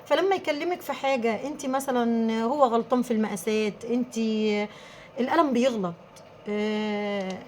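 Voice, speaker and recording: An Egyptian woman who runs a small business, giving emphatic, animated advice straight to her viewers. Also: fairly high pitch, moderate pace, a little hiss or hum.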